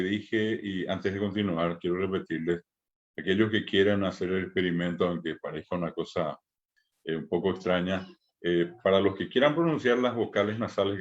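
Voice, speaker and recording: A middle-aged man teaches a language class online, speaking in a fairly low voice. He explains patiently, stops to repeat each sound slowly, and fills the pauses with drawn-out hesitations. The audio is dull and lo-fi, like a streamed lesson. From Paraguay.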